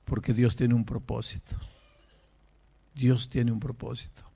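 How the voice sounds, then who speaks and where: A man's voice: medium pitch, level tone, unhurried, vocal fry, dark tone, breathy edge. A male pastor preaching a sermon, telling a story and rising to impassioned emphasis.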